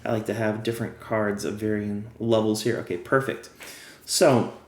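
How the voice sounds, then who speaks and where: A man with a slightly low voice that is wearing thin, as he says himself. He talks casually and explains the rules step by step while he plays. The room gives his voice a noticeable echo. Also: monotone, brisk, darkish tone. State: losing his voice. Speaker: game guide creator. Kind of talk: casual gameplay tutorial.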